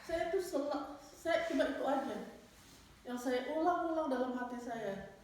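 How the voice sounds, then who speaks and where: Woman, church testimony, animated storyteller, bit high, distant room mic, heavy echo, faint hiss. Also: unhurried. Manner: animated storytelling, switching into English phrases. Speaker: church member giving a testimony. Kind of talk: personal testimony at a Bible study. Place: large echoey room at a church Bible study.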